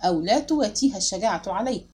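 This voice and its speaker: Woman, audiobook narration, expressive, breathy, lively intonation. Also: medium pitch, rapid-fire. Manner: expressive, dramatic storytelling.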